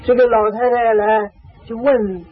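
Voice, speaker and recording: A man delivers a storytelling sermon in a high voice, leaning on repetition and a steady stream of drawn-out "ah"s. The sound is thin and phone-like, with a faint hiss underneath. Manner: repetitive, emphatic, frequent drawn-out "ah" fillers. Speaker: preacher. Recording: tinny phone-like lo-fi recording.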